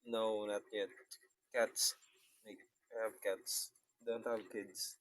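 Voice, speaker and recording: A young man answers questions softly and politely in a casual chat. His voice sits low and stays flat in pitch. It has a dry, close sound. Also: takes it slowly, no room sound. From Philippines. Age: 20s. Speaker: guest in a video chat.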